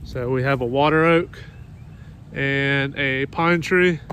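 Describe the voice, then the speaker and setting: A man in his thirties with a relaxed, folksy manner, vlogging casually about his work while standing outdoors at a job site, filmed on a phone held at arm's length. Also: medium pitch, slow. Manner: relaxed, folksy, says y'all. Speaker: vlogger running dumpster rentals and a tree service. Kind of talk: casual vlog narration. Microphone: phone camera held at arm's length. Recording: outdoor phone audio with faint background noise.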